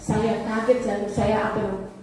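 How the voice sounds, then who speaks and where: A woman giving a sermon testimony in a large church, telling a story with animated acted-out voices. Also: mid-range voice, slow, slight background noise. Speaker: preacher. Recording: echoey church hall, mic far off.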